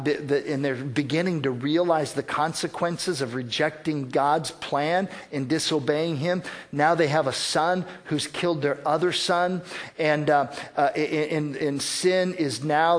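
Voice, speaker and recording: A man preaching a sermon earnestly, sometimes repeating words while he searches for the next thought. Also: a little high. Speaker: pastor.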